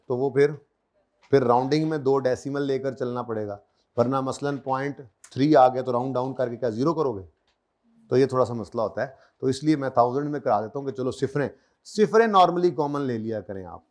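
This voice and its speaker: The speaker is a man with a mid-range, darkish voice and a Pakistani Urdu accent, teaching accounting in a classroom equipped with a board. He lectures conversationally, putting questions to his students and teasing them lightly.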